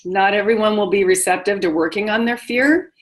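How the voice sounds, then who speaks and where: Speaking fairly quickly in a mid-range voice, this webinar host coaches widows and addresses her audience with direct encouragement. She is middle-aged, the webinar is motivational, and the audio quality is rough.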